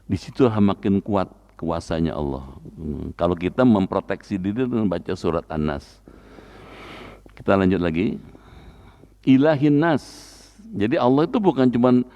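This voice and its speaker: Deep-voiced preacher, chatty sermon. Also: male voice, animated, warm tone. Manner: colloquial, asks the congregation rhetorical questions; spells out recitation slowly and deliberately. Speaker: Islamic preacher teaching Quran study. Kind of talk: mosque Quran study sermon. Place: mosque. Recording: dull lo-fi recording.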